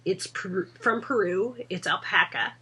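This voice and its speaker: Woman, lowish breathy voice, chatty co-host, recorded from across the room. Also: moderate pace, recorded from a distance. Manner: chatty, laughs often, trails into soft asides. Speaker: podcast co-host. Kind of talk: casual chat. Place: indoor room at home.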